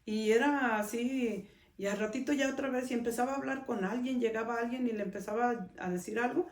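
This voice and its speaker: A woman's voice: fairly high pitch, brisk, distant mic. A middle-aged woman, hosting a podcast and telling a personal story in a conversational way, often adding a questioning tag to her sentences. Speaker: podcast host. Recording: roomy sound, speaker off-mic.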